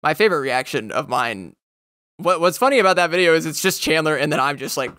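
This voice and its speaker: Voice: mid-range voice, lively intonation, fast talker, no room sound, studio quality. A young adult podcast co-host chatting casually, rambling and swearing often. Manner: rambling, swears a lot, breaks into loud goofy impressions. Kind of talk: casual chat.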